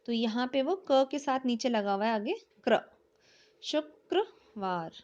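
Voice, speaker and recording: A woman's voice: on the high side, brisk, a little mellow. A woman teaching young children, mixing Hindi and English, spelling words letter by letter and checking often that the class follows. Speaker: primary school teacher. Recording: dull lo-fi recording.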